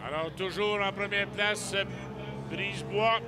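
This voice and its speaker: A man's voice: high voice, steady tone, measured pace. A Québécois man doing live motorsport commentary as a dramatic announcer who addresses the audience.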